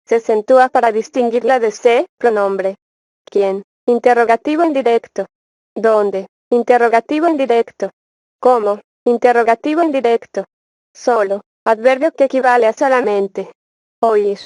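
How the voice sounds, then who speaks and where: A woman reading a textbook passage and its exercise answers aloud in an even, measured way. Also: a little high, no room sound, clean studio sound. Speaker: reader.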